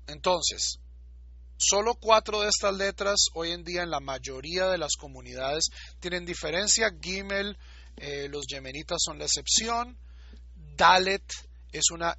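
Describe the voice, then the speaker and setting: A man's voice: a little high, pushed and bright, slightly rough, no room sound, highs cut off. A man giving a recorded lecture, explaining patiently and repeating words to show how they are pronounced. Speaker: teacher.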